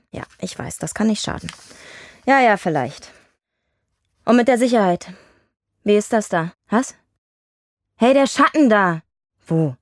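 A woman's voice: mid-range voice, no echo, clean studio sound. A woman voicing a wry police officer in dubbed film dialogue, bickering and teasing on patrol.

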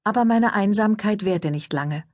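A woman reading a first-person audiobook in a calm, measured storytelling manner. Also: mid-range voice, dry recording, studio quality. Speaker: audiobook narrator.

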